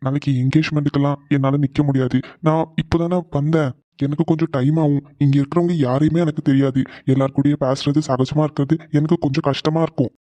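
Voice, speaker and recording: A man's voice: a little high, warm tone, dry recording, lightly acted. A man voicing a withdrawn cartoon younger brother. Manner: reluctant, pleading for time. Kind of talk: cartoon voice acting.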